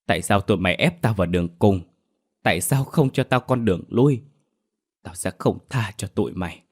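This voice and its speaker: Horror story role: a wronged young woman read in a male narrator's low voice, bitter and defiant. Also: expressive, brisk, slightly rough. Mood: bitter defiance.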